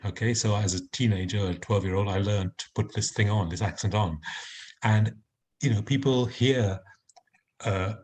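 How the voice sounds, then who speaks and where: A man's voice: on the low side, normal speed, a little mellow, slightly rough. A man from Nigeria speaking earnestly as a panelist in an online discussion, restarting phrases as he makes his points.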